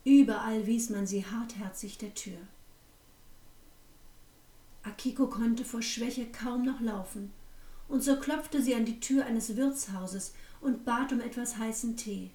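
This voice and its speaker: A woman reads a fairy tale aloud in a calm, even voice. Her voice is fairly high and mellow. It carries an echoey room sound and stays a little distant from the mic. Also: measured pace. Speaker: narrator.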